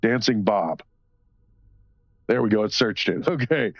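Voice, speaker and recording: A man's voice: on the low side, animated, unhurried, dry recording. A man streaming while he colors, chatting casually, rambling and swearing, often laughing and reading chat aloud. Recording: slightly dull sound, faint music behind.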